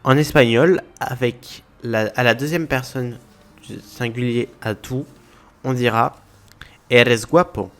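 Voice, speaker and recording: A man's voice: medium pitch, slow pace. A man explaining a language point to viewers in a methodical lesson, walking through examples one by one. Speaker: language teacher.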